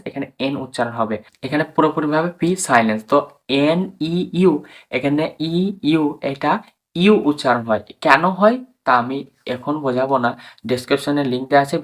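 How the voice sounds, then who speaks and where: A man teaching English pronunciation to viewers. He spells words out letter by letter, drawing out each sound, and keeps urging the viewers as friends to understand. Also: medium pitch. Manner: addresses viewers as friends and urges them to understand.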